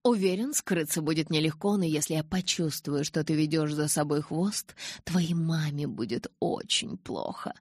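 Woman doing a smooth creepy kidnapper guy, low husky voice, bossy and mocking, audiobook. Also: normal speed, few pauses, dry recording, studio quality. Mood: menacing. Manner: calm, mocking, commanding. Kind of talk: audiobook character voice.

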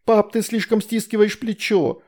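A man's voice: high voice, fairly even intonation, normal speed, a little mellow, pitched above the performer's own voice. A man reading an audiobook, voicing an anxious young girl who pleads and whines. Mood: pleading. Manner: pleading, whiny.

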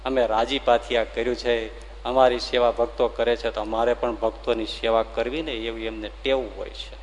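A man's voice: mid-range voice, flat delivery, moderate pace, slight background noise, pitched below the performer's own voice, close to an everyday voice. A man voicing a humble divine master who soothes and reassures his devotee, told during a sermon. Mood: soothing. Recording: long hall reverb.

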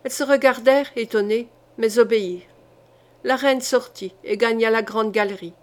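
A woman narrates an audiobook of a historical novel, reading dramatically at a measured pace in a fairly high voice.

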